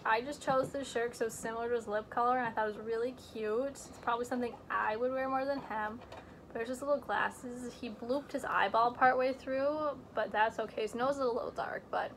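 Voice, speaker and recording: Slight background noise accompanies a chatty, high-voiced teen girl hosting a casual vlog indoors in a home room lined with shelves. Her talk is full of jokes and self-deprecating asides, and she slips into hushed whispers whenever she shows something up close.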